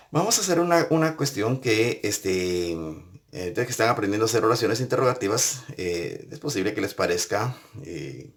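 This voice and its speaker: A man teaching an English grammar lesson, patiently repeating and spelling out each step. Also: lowish voice. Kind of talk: recorded classroom lesson.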